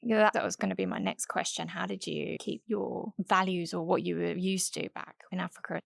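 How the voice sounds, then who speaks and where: A woman hosting a podcast, reading a measured prepared introduction before asking her guest questions. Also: lowish voice, expressive, vocal fry, no echo. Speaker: podcast host and interviewer.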